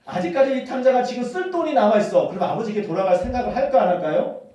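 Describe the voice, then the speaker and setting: A male pastor preaching a sermon as animated storytelling, acting out the quotes. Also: extremely high pitch, fast, lo-fi sound. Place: church hall. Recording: echoey hall from far off.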